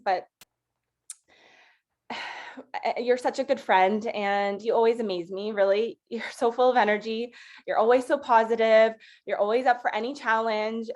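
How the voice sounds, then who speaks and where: A woman's voice: on the high side, darkish tone. A woman who manages a sales team gives a heartfelt thank-you speech to her team. She talks in a chatty, affectionate way with many fillers.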